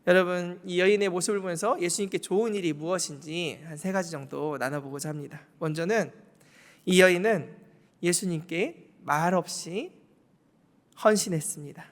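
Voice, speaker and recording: A man's voice: high voice, moderate pace. Male pastor preaching in a reverberant sanctuary. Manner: storytelling, acting out quotes, asks the congregation questions. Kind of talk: sermon. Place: church sanctuary. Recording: long hall reverb.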